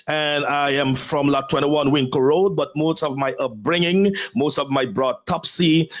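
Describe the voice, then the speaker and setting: Declamatory Guyanese pastor, higher voice. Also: male voice. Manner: declamatory, swings between quick lists and slow emphatic phrases. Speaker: pastor and host. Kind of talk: motivational sermon.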